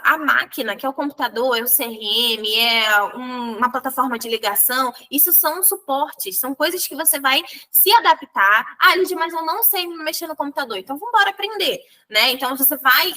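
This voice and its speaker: A high-pitched woman with a Brazilian Portuguese accent, talking as a guest in an interview. Her tone is bright and sharp, and she is lively, often acting out conversations with her team. She tags many of her sentences with a quick "né?". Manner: acts out her own dialogue with her team. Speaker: sales leader, interview guest.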